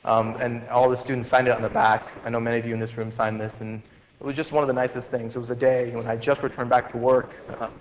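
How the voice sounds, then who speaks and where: A man's voice: mid-range voice, level tone, fast talker, a little hiss or hum. A man in his forties giving a farewell lecture to medical students, conversational and joking, with many fillers and restarts. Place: lecture hall. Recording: reverberant lecture hall with faint ambience.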